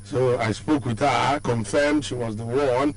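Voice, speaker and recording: A man with a Nigerian accent and a baritone voice, hosting a sports show on radio in a lively, sing-song way, with many fillers and restarts. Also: a little slow, rough recording. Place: radio studio. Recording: radio stream with faint hum.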